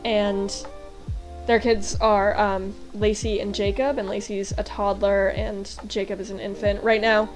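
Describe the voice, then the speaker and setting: Young American woman, easygoing chatty game commentary with soft music under it. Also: mid-range voice, flat delivery, a little slow. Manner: chatty, lots of fillers like um and like. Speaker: game vlogger. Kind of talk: casual voice-over commentary.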